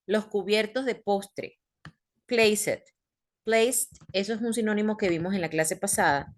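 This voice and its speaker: Patient woman teacher explaining step by step. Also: mid-range voice. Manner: patient, explains step by step, asks the class questions. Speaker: English teacher. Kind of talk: online class teaching.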